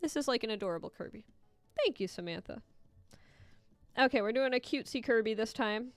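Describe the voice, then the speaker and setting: Female livestream host, smooth clear voice, playful chatty delivery, close dry sound over music. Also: fairly high pitch, lively intonation, a little fast, no room sound. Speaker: livestream host and Etch A Sketch artist. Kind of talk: casual livestream chat and running commentary to viewers.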